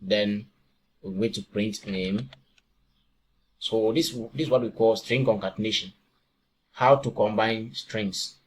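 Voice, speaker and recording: A man from Ghana with a fairly low voice talks through a screen-recorded coding lesson, one step at a time. He often poses a quick question and answers it himself. Faint hiss and keyboard clicks sit under his voice. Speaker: programming tutor.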